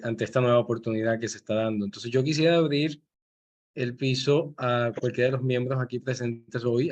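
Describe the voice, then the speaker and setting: A man's voice: medium pitch, darkish tone, dull audio. A man informally moderating a meetup, thanking the speaker and opening the floor to questions.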